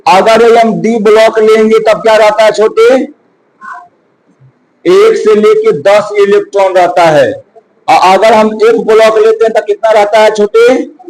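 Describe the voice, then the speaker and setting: A man's voice: sits high, flat delivery, unhurried, a little mellow, rough recording. A male coaching teacher, giving a chemistry lesson, asking and answering his own questions and counting aloud.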